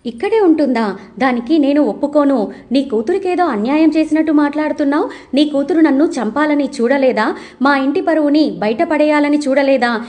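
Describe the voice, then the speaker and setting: A woman's voice: high-pitched, a little fast, close to an everyday voice. A woman voicing an angry young woman who firmly demands that an unwanted guest leave. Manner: shouting, demanding. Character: angry young daughter of the house, firm.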